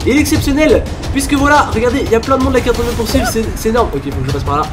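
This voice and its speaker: A man giving excited gameplay commentary as a gaming YouTuber, repeating his phrases over and over and talking to his subscribers. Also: extremely high pitch, rapid-fire. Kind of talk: live Minecraft gameplay commentary. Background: background music.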